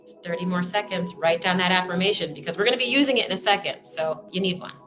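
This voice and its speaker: A woman's voice: fairly low pitch, fast, music in the background. A woman leading a workshop over a video call, giving upbeat, encouraging step-by-step instructions. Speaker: workshop facilitator.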